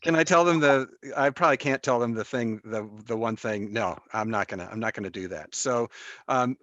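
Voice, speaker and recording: A man hosting and presenting informally to a small group, often halting as he searches for his words. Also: mid-range voice, a bit bright, dry recording, dull audio. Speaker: session host and presenter.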